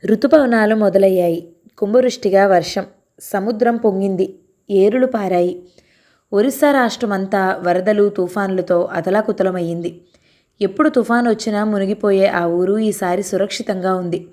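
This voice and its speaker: A woman narrating an audio story in a slow, measured reading style. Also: mid-range voice, mellow.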